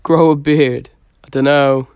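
This young Dubliner, unhurried and level, has a somewhat high yet darkish voice as he answers livestream comments in a relaxed, slangy way. Captured on a phone close to his face, the tone is clean with no echo, though the audio sounds dull.

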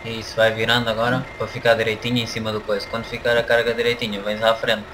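A man's voice: fairly low pitch, completely flat delivery, quick pace. A man with a European Portuguese accent, casually commentating a truck driving game for viewers. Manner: chatty, addresses viewers directly. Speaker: gaming channel host. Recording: noisy game audio behind voice.

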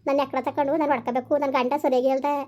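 A woman plays an offended village woman, answering in sharp, resentful retorts in a comedy skit. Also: high voice, little pitch movement, rapid-fire, highs cut off, lightly acted. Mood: bitter. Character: offended village woman Padma, bitter and cutting.

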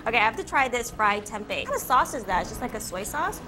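A young woman hosts a food vlog in a small, casual indoor eatery, bubbly and enthusiastic, laughing often as she tastes dishes and chats. She wears a lapel mic, her slightly high voice is very animated and fast, and music plays in the background.

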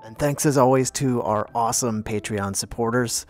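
A man's voice: medium pitch, normal speed. A man narrating as the host of a show, in a scripted, conversational delivery. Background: soft guitar music.

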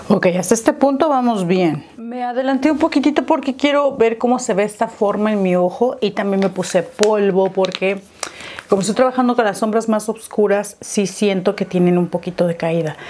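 A woman's voice: medium pitch, dark tone. A woman, a beauty vlogger chatting her way step by step through a makeup tutorial. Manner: chatty step-by-step narration with diminutives.

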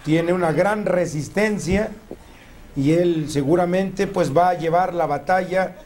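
Male lucha libre commentator, high-pitched, clearly noisy dated TV broadcast sound. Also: unhurried, a little mellow. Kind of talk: wrestling commentary.

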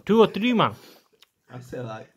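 A young man, joking around in a casual food-review chat while chewing a fry. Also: fairly high pitch, very animated, normal speed, lo-fi sound. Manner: joking, slangy banter.

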